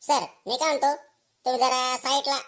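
A woman's voice: sits high, level tone, normal speed, close to an everyday voice. A woman voicing a blustering schoolboy who gets to be teacher for a day, in a village comedy skit, full of cheeky asides to himself. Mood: sheepish. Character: brash boastful schoolboy made teacher for a day, male.

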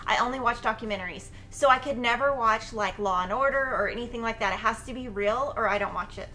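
A woman's voice: on the high side, fast, sharp tone, faint music behind. A woman in her forties hosting, chatting in an upbeat, talkative way in a studio. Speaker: host. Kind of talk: casual chat. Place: studio with Christmas tree.

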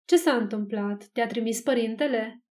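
A woman reading the part of a portly, self-important man in his sixties, who speaks in a measured, pompous way. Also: on the high side, a little mellow, close to an everyday voice. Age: 60s.

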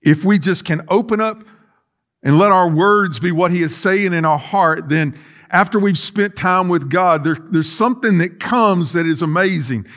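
Preaching a sermon in a big indoor sanctuary with rows of chairs, this middle-aged pastor has a high-pitched, slightly bright voice and a moderate pace. He moves about and gestures, earnestly starting phrases over.

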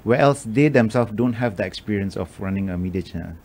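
Brief: middle-aged man from Malaysia, low voice, radio studio guest, thoughtful and halting. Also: a little mellow. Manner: thoughtful, halting with many restarts. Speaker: guest, media executive. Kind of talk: radio interview. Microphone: studio microphone on boom.

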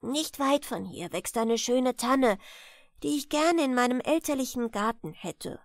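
A woman's voice: high-pitched, animated, a little slow, dry recording, studio quality. A woman doing a cheeky young village lad. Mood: urgent. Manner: pert, raised, eager voice. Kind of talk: bedtime audiobook reading.

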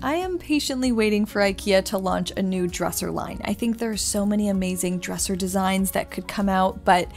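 A woman's voice: mid-range voice, fairly quick, hardly any pauses, music in the background. Upbeat woman narrating a shopping trip. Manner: upbeat, enthusiastic product commentary. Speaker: interior designer vlogger.

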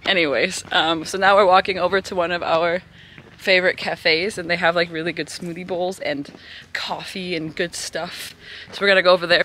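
A woman's voice: lowish voice, sharp tone, a little hiss or hum. Chatty, giggly young woman vlogging. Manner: chatty and giggly, talks to viewers. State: out of breath while walking. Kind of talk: casual vlog narration. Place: indoors at home, then walking outdoors in a city.

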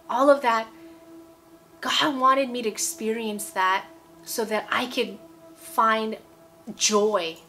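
A woman in her forties with a medium-pitched, slightly bright voice preaches to camera from an indoor room at home. The sermon is casual and emphatic, full of repeated phrases and "okay?" check-ins.

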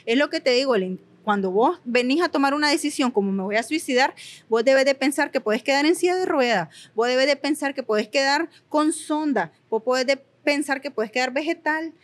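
A young woman giving earnest, emphatic personal testimony in an interview, repeating words for emphasis. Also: a little high. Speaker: guest sharing her story.

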